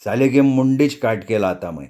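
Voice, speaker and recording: A man voicing a drunken, hot-headed brawler who snarls and barks his threats in rough slang. He sounds loud and volatile, as if a knife is always within reach. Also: mid-range voice, expressive, moderate pace, natural voice. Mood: snarling. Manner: shouted threats in rough Hindi.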